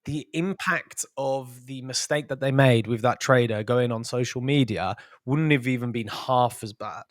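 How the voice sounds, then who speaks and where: A man's voice: mid-range voice, normal speed, dry recording, clean studio sound. A man co-hosting a casual podcast chat who drags out key words for emphasis. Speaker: podcast co-host.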